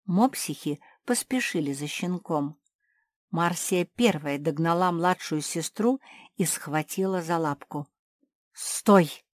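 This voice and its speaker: A woman narrating a children's storybook in a calm, even reading voice. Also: fairly low pitch, unhurried, dry recording, studio quality.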